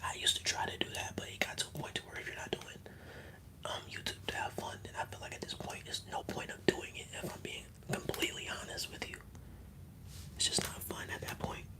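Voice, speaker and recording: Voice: a little fast, rough recording. An ASMR streamer whispering in a casual, rambling, slangy way while chatting on a livestream. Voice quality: whispered, mostly unvoiced.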